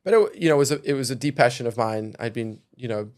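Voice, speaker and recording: Quick and expressive at a medium pitch, this young South African venture capital investor joins a podcast for a relaxed conversation. He still weighs his words carefully, peppering them with "kind of" and "you know."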